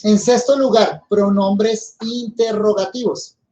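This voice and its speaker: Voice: mid-range voice, fairly even intonation, takes it slowly, dark tone, poor audio. A teacher with a Colombian accent giving a recorded grammar lesson, explaining step by step and addressing the students.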